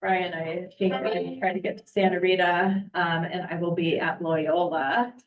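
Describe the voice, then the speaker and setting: A woman superintendent giving a casual, chatty update at a school board meeting, often pausing with ums and uhs. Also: lowish voice, little pitch movement. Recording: echoey, distant, muffled meeting audio.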